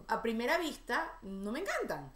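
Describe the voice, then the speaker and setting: A Venezuelan woman hosting a talk show, chatting in an animated way with quick asides. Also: a little high, crowd noise. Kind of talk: casual chat. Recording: echoey room.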